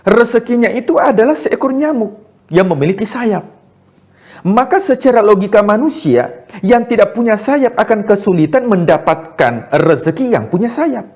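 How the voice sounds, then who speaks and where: Man, preacher, sermon, lively intonation, rhetorical questions, emphatic swells. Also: sits high. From Indonesia. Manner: rhetorical questions, emphatic rises and soft drops.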